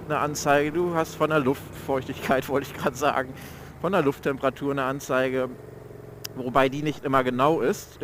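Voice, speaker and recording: With a mid-range voice, a young motovlogger chats loosely and in slang about his motorcycle while riding, regularly pausing to search for words. He's recorded on a mic inside his helmet, so engine noise, road noise and outdoor traffic come through.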